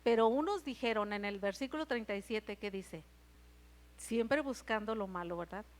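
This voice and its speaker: This woman preaches at a Sunday church service with a Mexican accent, using a medium-pitched voice at normal speed. She walks through scripture and keeps asking the people in the pews questions.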